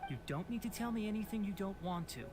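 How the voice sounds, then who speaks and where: An actor playing a calm, principled male doctor in a video game, speaking in a measured, polite and firm way. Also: sits high. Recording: game audio with clear background hiss.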